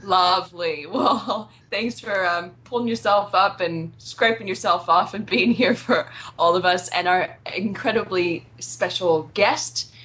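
A woman's voice: mid-range voice, a little slow, few pauses, a bit bright. A woman with an American accent co-hosting a podcast in casual, chatty talk that often breaks into laughs. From United States. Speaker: podcast co-host.

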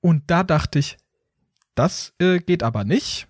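Animated storytelling man on a podcast. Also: fairly high pitch, slow, no room sound, studio quality. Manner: animated storyteller, acts out robotic phone menu and rude agents. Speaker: podcast host telling a story. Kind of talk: casual podcast chat.

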